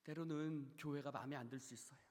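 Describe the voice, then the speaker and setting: A man preaching a sermon as pastor. He swings from hushed near-whispers to loud, shouted peaks, and he keeps asking the congregation questions and having them repeat phrases after him. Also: medium pitch, fairly even intonation, quick pace, big-room sound. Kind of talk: Wednesday service sermon. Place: church sanctuary.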